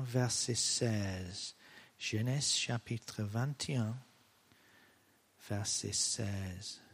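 Slow, husky-voiced male preacher. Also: mid-range voice. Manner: slow and halting, searching for words. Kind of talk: sermon.

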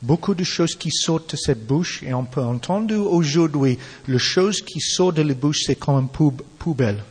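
English-accented preacher in a reverberant hall. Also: male voice, fairly high pitch, animated, a little mellow, breathy edge. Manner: halting French with restarts and fillers. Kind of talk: sermon.

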